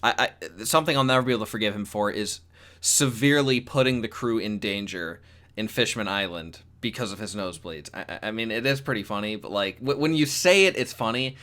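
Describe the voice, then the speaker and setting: Young male YouTuber, low-ish bright voice, rambling, restarts often, excitable. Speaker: YouTube manga commentator. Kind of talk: casual solo review chat.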